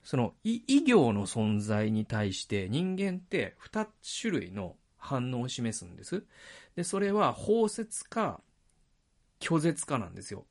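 A man's voice: mid-range voice, huge pitch swings, measured pace, vocal fry. A man hosting a solo podcast, talking reflectively into a microphone with frequent hesitations and self-corrections. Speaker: podcast host. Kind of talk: solo podcast monologue about a book. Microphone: speaking into a microphone.

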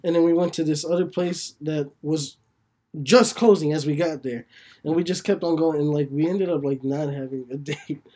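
A man's voice: a little high, steady tone, moderate pace, dark tone. A man in a casual podcast chat with friends, joking and teasing, swearing freely. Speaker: podcast co-host.

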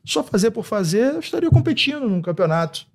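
A man's voice: sits high, very animated, fairly quick, a little mellow. A man with a Brazilian Portuguese accent speaking emphatically in a casual podcast conversation, often repeating phrases and checking he is understood. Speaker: podcast guest.

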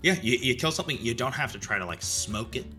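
A man playing a chatty, wistful evil necromancer who co-hosts a comedy podcast and speaks in a halting, casual way. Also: mid-range voice, expressive, pushed and bright, soft background music. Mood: nostalgic chat. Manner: halting, casual delivery of villainous lines. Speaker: podcast co-host. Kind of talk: improvised in-character comedy chat.

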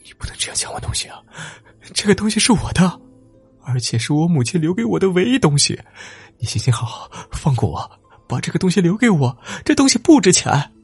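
A male storyteller becomes a timid young farm boy, his voice jumping high as he sobs and pleads. The tone is husky and breathy, rising and falling wildly. Faint music sits underneath. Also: sing-song, fairly quick, dry recording, full character voice. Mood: pleading, tearful. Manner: high, tearful begging.

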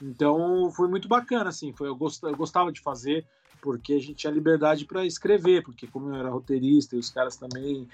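A Brazilian man, comedian and TV writer, chatting casually as a guest with relaxed slang and casual swearing. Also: on the high side, a little fast, faint music behind. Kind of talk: casual interview chat.

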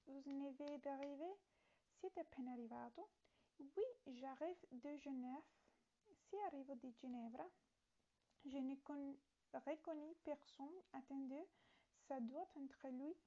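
Here a woman's mellow, high-pitched voice comes through dull audio as she reads a French lesson aloud and translates it. She's a language learner, moving slowly and hesitantly with fillers and self-corrections.

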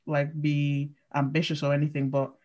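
A woman's voice: sits low, completely flat delivery, moderate pace, warm tone. A woman of twenty-one co-hosting a casual podcast chat, laughing often and restarting her sentences. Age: 20s. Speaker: podcast co-host.

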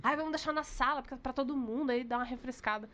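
A young woman co-hosting a casual chat, telling an animated story with quick asides. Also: high-pitched. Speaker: podcast co-host. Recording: slightly dull, lo-fi sound.

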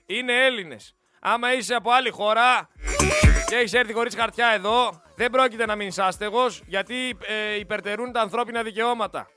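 A man's voice: high-pitched, steady tone, faint music behind. A man hosting a daily radio show, ranting angrily at politicians and reading listener messages aloud. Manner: ranting, scolding, shouting at politicians. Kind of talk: angry political radio monologue.

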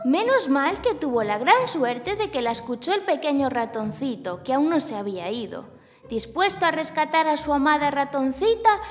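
A woman narrating a children's tale in a gentle, expressive way. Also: high voice. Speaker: children's storyteller. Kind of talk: scripted storybook narration. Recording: long hall reverb, faint music.

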